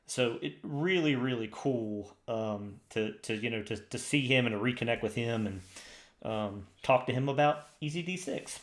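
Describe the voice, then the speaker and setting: A man's voice: mid-range voice, normal speed. A man co-hosting a podcast, chatting casually and enthusiastically, rambling with frequent restarts. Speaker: podcast co-host. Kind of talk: casual chat. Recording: roomy echo.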